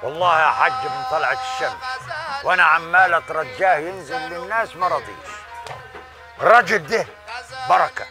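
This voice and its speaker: An actor playing a hospitable, earnest older village patriarch, emphatic, with an Upper Egyptian accent. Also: male voice, high voice, lively intonation, a little fast, long pauses. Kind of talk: Egyptian television drama acting. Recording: loud music behind the voice. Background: music.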